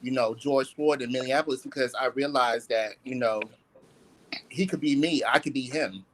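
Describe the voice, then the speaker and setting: A man's voice: mid-range voice, fairly even intonation, moderate pace, slight background noise, rough recording. A man in a casual group discussion, talking in a weary, worn-out way.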